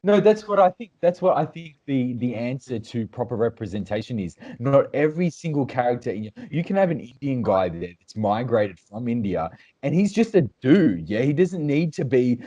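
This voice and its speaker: A man's voice: medium pitch, big pitch swings, normal speed, warm tone, muffled recording. A man co-hosting a casual podcast chat, opinionated and talking in long runs with fillers. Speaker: podcast co-host.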